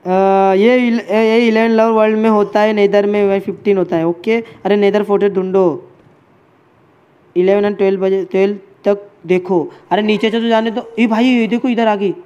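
Male streamer, casual running commentary to chat, muffled low-fi sound. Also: little pitch movement, moderate pace, a little mellow, clear, resonant tone. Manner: chatty, addresses chat and friends as bhai. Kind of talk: casual live game commentary.

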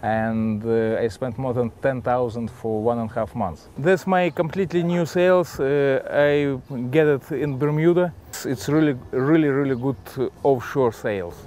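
Halting Russian-accented man, deeper voice. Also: darkish tone, slight background noise. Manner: halting, simple broken English with repeated words. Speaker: adventurer and sailor, interviewee. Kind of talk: casual interview, explaining. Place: on a sailboat in a marina, cockpit and cabin. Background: music.

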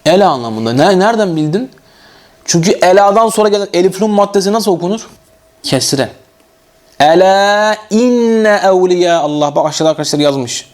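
Turkish man teaching a grammar class, pitched a little high, reads the text and keeps quizzing his students. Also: expressive, fast, a little mellow. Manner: questioning students constantly; reads Arabic grammar text aloud and explains. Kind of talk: classroom lecture.

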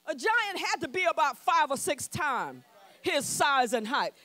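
Woman pastor preaching with bold call-and-response, high lively voice, dry close sound. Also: a little slow, no echo. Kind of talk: sermon. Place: church sanctuary.

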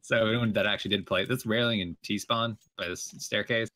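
A man's voice: on the low side, fairly even intonation, bright, forceful tone. A man in a gaming voice chat, casually asking questions about a level. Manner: quick, casual, asks questions.

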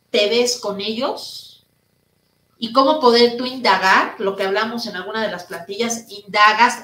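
A woman therapist and speaker answering audience questions in a live online talk, speaking loudly and emphatically and asking her listeners questions. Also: on the high side, roomy sound, low-quality recording. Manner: addresses listeners directly with rhetorical questions.

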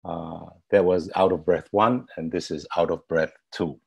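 A man standing in as a poet, explaining a poetic benediction and then reciting his poem in a slow, measured way. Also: low-pitched, steady tone, vocal fry, darkish tone, breathy edge.

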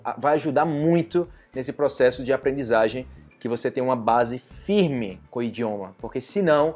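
A Brazilian man with a Brazilian Portuguese accent teaching a pronunciation lesson, asking "ok?" often and drilling sounds slowly. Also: mid-range voice, warm tone. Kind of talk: online language lesson.

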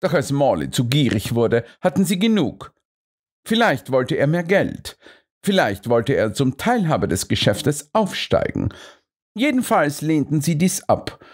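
Man reading shrewd Victorian detective, raised voice, lively cool irony, audiobook. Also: on the high side, measured pace, husky, pitched above the performer's own voice, full character voice. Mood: coolly accusing. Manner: polite, ironic, coolly precise. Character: shrewd male Victorian detective, calm and cutting.

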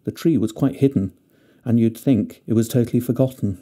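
A man reads a classic fairy tale aloud, gentle and expressive. His voice is dark and mellow, sitting at an ordinary middle pitch. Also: a little fast. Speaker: narrator.

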